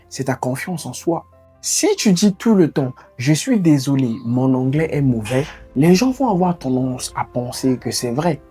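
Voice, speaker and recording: A man talks straight to camera in a motivational video lesson, encouraging his viewer and pressing his point. His voice is warm and dark, with a husky grain to it. Faint music plays softly behind him. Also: a little high. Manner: speaks directly to the viewer, encouraging and insistent. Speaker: online English coach.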